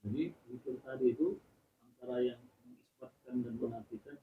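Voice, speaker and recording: A man's voice: medium pitch, sing-song, fairly quick, gravelly. A man in the class asking the teacher hesitant questions and restarting his sentences. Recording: distant tinny sound with faint noise.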